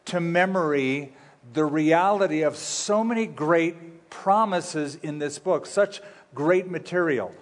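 A pastor preaching at a pulpit microphone in a church sanctuary, teaching in a conversational, folksy way with light humor. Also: male voice, fairly high pitch. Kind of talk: sermon teaching. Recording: long reverb of a large hall.

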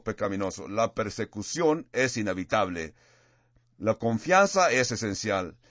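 A man preaching a sermon, reading scripture dramatically and stretching key words slowly for emphasis. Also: medium pitch, a bit bright, no room sound. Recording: dull lo-fi sound.

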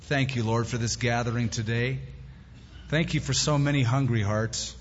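A man's voice: medium pitch, fairly even intonation, moderate pace, slight background noise. A man preaching a sermon as pastor at a pulpit microphone in a church sanctuary, talking in a conversational way with plain-spoken asides. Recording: echoey hall, dull lo-fi sound.

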